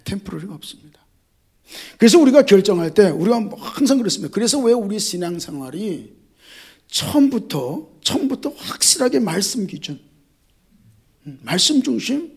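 A male pastor giving an animated sermon, addressing the congregation directly, repeating key words and mixing in jokes. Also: high voice, creaky, slightly rough.

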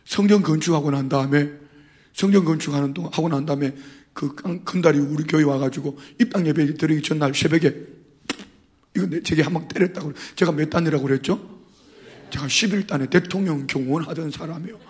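A middle-aged man preaching a sermon as a pastor, telling stories with big swings between loud and soft. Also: on the high side, fairly quick.

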